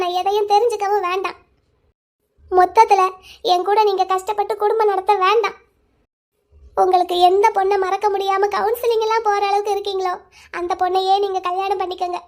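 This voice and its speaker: A woman voicing a hurt young wife in a cartoon drama, crying and accusing her husband loudly. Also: very high voice, level tone, brisk. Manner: loud, accusing, bitter. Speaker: voice actor.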